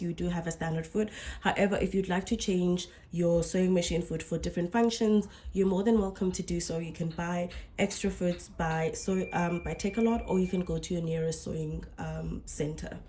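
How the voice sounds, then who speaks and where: A young South African woman with a fairly low, mellow voice hosts a casual sewing tutorial over slight background noise. She's chatty, often corrects herself as she explains, and sounds a little unwell with a flu coming on.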